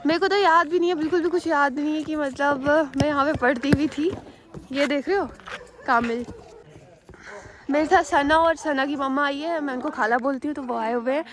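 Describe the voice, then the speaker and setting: A woman's voice: sits high, moderate pace, slight background noise. A woman vlogger from Jammu and Kashmir, talking to viewers in a chatty, rambling way and recording herself outdoors on a handheld phone. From Jammu and Kashmir, India. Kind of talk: casual vlog storytelling to viewers. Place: outdoors on a rooftop and at a school ground.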